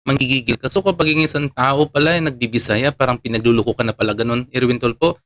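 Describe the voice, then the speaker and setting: Here an online commentator from Palawan, Philippines, talks fast in a slightly bright, mid-range voice. His remarks to viewers are casual and chatty, peppered with chuckles and many filler words.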